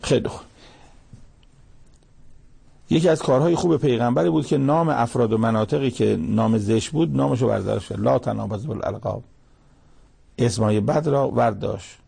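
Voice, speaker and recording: A man delivers a sermon, explaining Quranic verses line by line. His voice is heavily gravelly and husky, with a dark, mellow color. He grows animated when he acts out quotes. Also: medium pitch, pauses often. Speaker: preacher.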